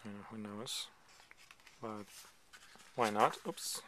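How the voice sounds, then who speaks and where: A man with a fairly low voice chats through a photo book page by page, loose and unscripted, pausing often on ums and wandering into asides. He sounds close to a camera mic at a table indoors, with a faint hiss underneath. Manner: relaxed, hesitant, many ums and digressions. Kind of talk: casual show-and-tell commentary.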